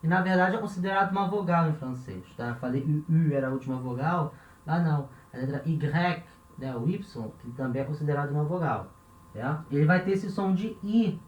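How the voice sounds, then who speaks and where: Talking a little fast in a fairly high voice, a Brazilian man runs a language lesson in classroom style. He patiently repeats every example word and checks in with the listener after almost each phrase, captured in a roomy, dull lo-fi recording.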